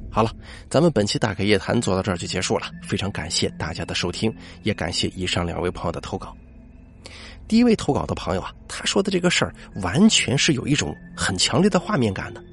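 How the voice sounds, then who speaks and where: A man hosting a late-night podcast, telling listener-submitted ghost stories and dropping his voice low for the eerie moments. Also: fast, creaky. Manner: lively storyteller voice, drops low for eerie moments. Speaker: podcast host.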